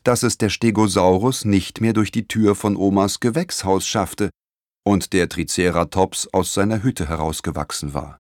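A man narrating a children's storybook in an expressive, animated reading. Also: low-pitched, no echo, studio quality. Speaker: audiobook narrator.

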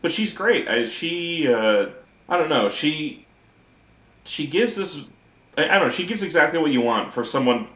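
A man's voice: fairly high pitch, expressive, normal speed, fairly bright tone, highs cut off. A man co-hosting a podcast, giving a wry, rambling recap of a TV episode in casual chat. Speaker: podcast co-host. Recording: echoey audio, as if in a sewer.

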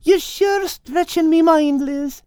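A woman's voice: very high-pitched, slow pace, a little mellow, no echo, studio quality, voice pushed up. A woman voicing an eager young Scottish girl pupil who keeps asking curious questions. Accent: Scottish, put on. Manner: curious, asks lots of questions.

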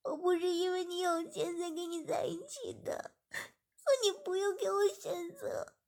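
A woman's voice: fairly even intonation, normal speed. Woman doing a sobbing devoted young servant girl. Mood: tearful pleading. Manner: high, loud and pleading. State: crying.

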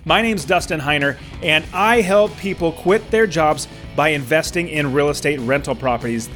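A forty-year-old man hosts his podcast in an upbeat, encouraging monologue. His voice sits a little high, and he keeps it loose with fillers and restarts. Faint music plays beneath him. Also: fairly bright tone. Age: 40s. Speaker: podcast host.

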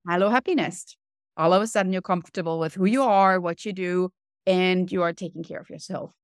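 A woman with a somewhat low voice talks earnestly on a podcast as a wellness coach. She explains things patiently and slows down to stress what matters. The sound is dry and close. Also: clear, resonant tone, no echo. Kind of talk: podcast interview.

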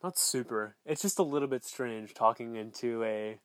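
A podcast host records a solo episode as a voice memo on a phone recorder app. His medium-pitched voice moves at a normal speed with a dry sound, and he rambles self-assuredly, dropping plenty of filler words and swearing.

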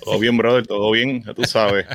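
A man's voice: on the low side, little pitch movement, normal speed, vocal fry, fairly bright tone, no echo. A man with a Puerto Rican accent co-hosting a casual livestream chat, laid-back with short replies. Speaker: podcast co-host.

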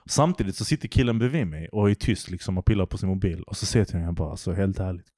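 A man's voice: low-pitched, no echo, clean studio sound. A young man telling a story in casual chat, swearing a lot. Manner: animated anecdote-telling, heavy swearing.

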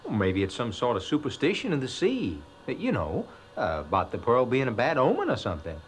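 Very animated, thoughtful male sidekick. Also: mid-range voice, a little fast, slight background noise. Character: folksy, thoughtful submarine sidekick. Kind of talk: 1960s puppet adventure series acting.

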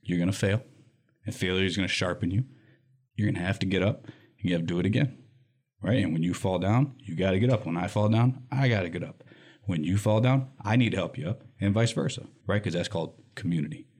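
A man's voice: low-pitched, quick pace, darkish tone, slightly rough. A man from Michigan, a nonprofit director answering interview questions in an earnest, emphatic way and often tagging his points with "right?". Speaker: nonprofit executive director, guest.

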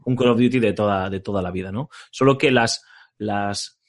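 A man's voice: on the low side, moderate pace. A man with a Castilian Spanish accent giving a casual game review on a podcast, conversational and full of tag questions.

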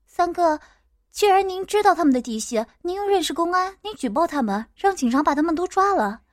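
A woman's voice: extremely high pitch, animated, moderate pace, darkish tone, no room sound, clean studio sound, voice pushed up. A woman voicing a fiery young woman who speaks up indignantly, as a character in an audiobook. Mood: pleading. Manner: indignant and pleading.

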